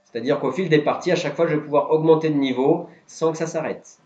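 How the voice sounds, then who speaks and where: A man's voice: on the high side, quick pace, a little mellow. Male quiz host on a live stream, patient explainer, echoey room, faint music bed. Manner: patiently explains each answer. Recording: roomy, dull lo-fi sound, faint music.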